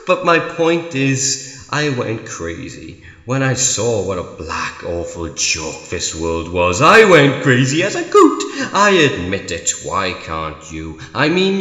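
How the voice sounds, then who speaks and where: A man playing a manic, mocking comic-book clown villain in a theatrical monologue, with taunting, drawn-out delivery. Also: medium pitch, bright, forceful tone, voice pushed up. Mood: manic, gleeful. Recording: echoey room with long reverb.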